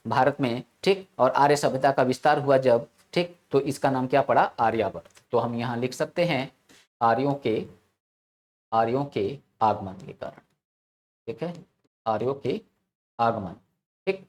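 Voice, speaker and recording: A man's voice: medium pitch, unhurried, long pauses. A man teaching a class in a lecture style. He keeps asking rhetorical questions, answers them himself, and repeats key words over and over with constant check-ins to the students.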